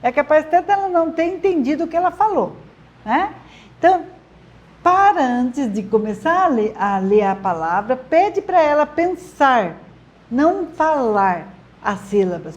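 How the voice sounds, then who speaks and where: A woman's voice: sits high, expressive, unhurried, highs cut off. A woman who teaches literacy, giving parents encouraging step-by-step tips and often checking in with "tá?" and "né?". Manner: warm, encouraging, lots of "tá?" and "né?" check-ins. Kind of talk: friendly instructional talk to camera.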